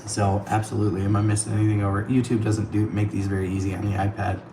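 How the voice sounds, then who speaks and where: A livestream host broadcasts from an iPad while traveling, chatty and quick to laugh, thanking viewers by name despite a voice getting worn. His fairly low voice moves fast with a completely flat delivery. The tablet mic records an echoey room and a noisy background.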